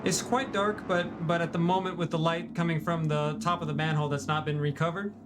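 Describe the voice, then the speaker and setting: A man narrates a tabletop adventure as game master, his voice sitting a little high. He describes the scene in halting bursts with plenty of restarts. Music plays clearly behind him. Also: steady tone. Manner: descriptive, with frequent restarts and fillers.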